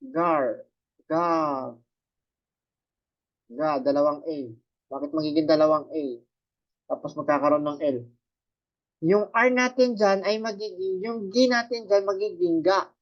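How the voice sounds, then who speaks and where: Man teaching a class, muffled lo-fi sound. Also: sits high. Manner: explains step by step, quizzing students with rhetorical questions. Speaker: Japanese language teacher. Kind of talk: classroom lesson explaining katakana.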